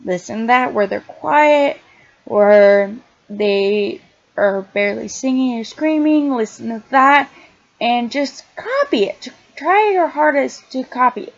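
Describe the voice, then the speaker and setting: A young woman speaks quietly and hesitantly, her slightly high voice pausing often and restarting sentences. She talks at an unhurried pace, close to an iPad. The sound is dull and lo-fi, like a home recording. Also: gravelly. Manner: halting, many fillers and restarts, self-described quiet and awkward on camera. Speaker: vlogger. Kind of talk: casual explanatory vlog. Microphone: iPad held close.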